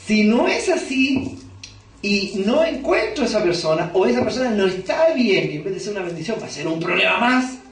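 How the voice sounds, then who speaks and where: A man preaching to his congregation in a high-pitched voice, picked up from a distance in a reverberant church hall. He keeps it conversational, tossing rhetorical questions at the listeners as he goes. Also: sing-song, a little fast. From Chile. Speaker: pastor. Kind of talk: sermon. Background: congregation responding.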